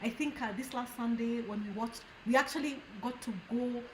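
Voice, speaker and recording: A woman pastor hosting a casual chat, speaking earnestly and gratefully with frequent pauses and fillers. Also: fairly high pitch, a little hiss or hum. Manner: earnest, thankful, hesitant with fillers. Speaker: pastor and host. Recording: echoey room.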